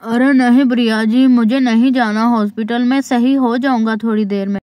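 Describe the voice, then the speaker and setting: A woman's voice: a little high, steady tone, moderate pace, mellow, no room sound, lightly acted. A woman voicing a young village husband in a doll story, groaning and pleading over a stomach ache. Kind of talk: doll story role-play.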